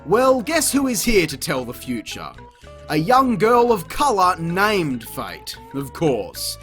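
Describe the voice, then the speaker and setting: A man hosting a video review speaks slowly in a high voice with huge pitch swings and a slightly bright tone. His scripted comedic commentary is sarcastic, exasperated and sweary, and background music plays behind it.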